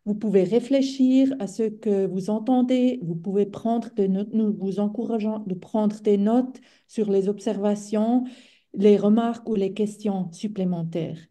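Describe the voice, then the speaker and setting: Slow, mellow woman with foreign-accented French. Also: medium pitch. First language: not French. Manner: halting, searching for words. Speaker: webinar co-facilitator. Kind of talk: explaining to webinar participants.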